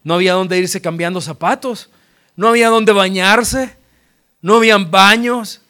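A male pastor with a Salvadoran accent preaching a sermon, telling Bible stories in an animated, humorous way. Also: high-pitched, moderate pace, clear, resonant tone. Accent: Salvadoran Spanish.

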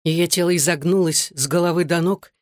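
Low-voiced woman narrating an audiobook. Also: steady tone, brisk, no room sound, clean studio sound.

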